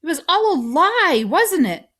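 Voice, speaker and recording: A woman's voice: high voice, expressive, normal speed, pitched above the performer's own voice. A woman reading aloud as a grieving, angry teenage boy whose voice rises and pushes hard. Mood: distraught. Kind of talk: audiobook reading.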